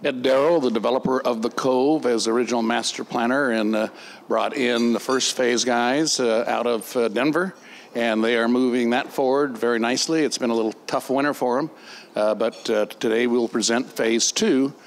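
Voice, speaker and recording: A man's voice: mid-range voice, steady tone, moderate pace, creaky, slight background noise. A man, a real estate developer, introducing himself at a meeting with many uhs. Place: meeting room.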